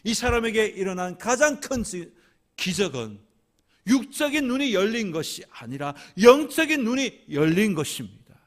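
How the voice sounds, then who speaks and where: A man preaching a Sunday sermon as senior pastor in a church, swinging from hushed whispers to loud, emphatic climaxes with rhythmic repetition. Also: sits high, sing-song, moderate pace. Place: church sanctuary.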